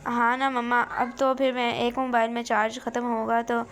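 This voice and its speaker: Stubborn teen girl, eager and wheedling, flat level reading, voiced by a woman narrator. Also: fairly high pitch, moderate pace, soft background music, natural voice. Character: stubborn teenage girl student, playful.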